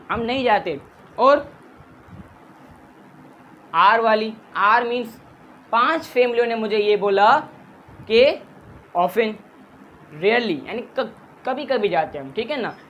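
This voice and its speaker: A man's voice: very high voice, fairly bright tone, highs cut off, a little hiss or hum. A man teaching a math lesson, patiently explaining steps, counting aloud and mixing in English terms. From Pakistan.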